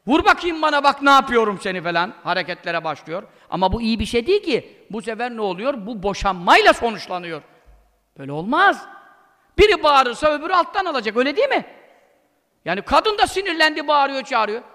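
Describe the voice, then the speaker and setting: A man's voice: very high-pitched, sing-song, a little fast, pushed and bright. A man giving an informal religious talk as a preacher, emphatic and scolding, breaking into blunt colloquial outbursts. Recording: long hall reverb.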